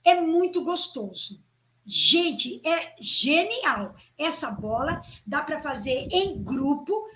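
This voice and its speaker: A woman's voice: sits high, sing-song, slow pace, sharp tone, echoey room, slight background noise, rough recording. A woman teacher giving a lecture on classroom activities, often checking in with her listeners. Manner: addresses the audience as "gente", checks with "né?" and "ok?".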